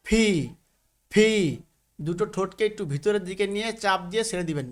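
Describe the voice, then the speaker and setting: A man's voice: high voice, rapid-fire. A man with a Bangladeshi Bengali accent teaching English letter sounds in a recorded lesson, patiently repeating each letter with frequent fillers.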